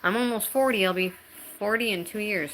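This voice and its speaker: At home, a woman in her thirties chats casually into her phone on a live stream, reading out viewer comments. She speaks haltingly, with many ums and restarts, in a medium-pitched, slightly bright voice. There's a bit of background noise, and the recording is low quality.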